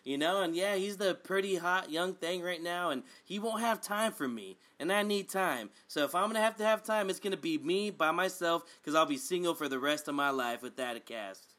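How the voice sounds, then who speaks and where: A man co-hosting a casual sports chat, animated and jokey, with many fillers. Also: sits high, normal speed, few pauses. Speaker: co-host.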